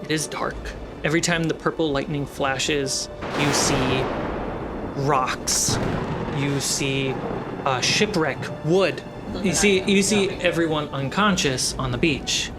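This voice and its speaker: A man with a fairly high-pitched voice speaks slowly, hosting a tabletop game and narrating it dramatically as dungeon master. Loud cinematic music plays behind him throughout.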